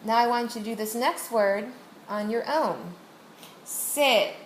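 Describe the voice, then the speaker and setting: Woman teacher doing a reading demo, kinda high voice, says words super slow n careful, echoey room w faint hiss. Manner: slow, deliberate modeling of each word. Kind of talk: instructional demonstration with a student.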